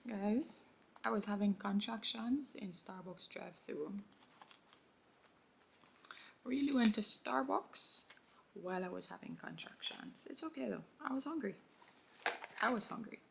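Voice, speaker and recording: A young woman at home, telling a story in a chatty, animated way while doing her makeup. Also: mid-range voice, measured pace, creaky, long pauses, slight background noise. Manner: chatty, animated, many fillers. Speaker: vlogger.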